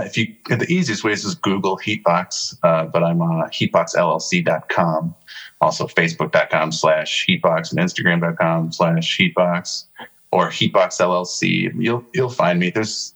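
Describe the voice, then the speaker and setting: A man with a very low, husky voice talks casually as a musician guest. He rambles, jokes, and fills the gaps with "uh" and "like.". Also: fairly bright tone. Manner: rambling, joking, many fillers. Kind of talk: casual interview chat.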